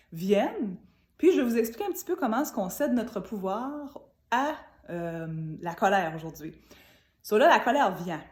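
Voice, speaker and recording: A woman's voice: medium pitch, a little mellow. A woman with a Québécois French accent giving an informal spiritual talk, chatty and earnest, speaking straight to her viewers. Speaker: spiritual teacher. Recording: roomy echo.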